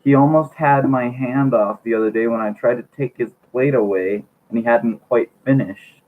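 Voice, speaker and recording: A man's voice: mid-range voice, moderate pace, slight background noise. A man casually reading a teen diary novel aloud, now and then stumbling over words and laughing. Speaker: reader. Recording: tinny phone-like lo-fi recording.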